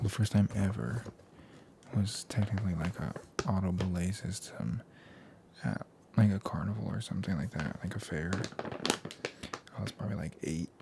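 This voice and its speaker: Man, young adult, American accent, hushed soft-spoken ASMR, lowish pitch, laid-back slangy rambling, noisy recording. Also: creaky. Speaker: ASMR video host.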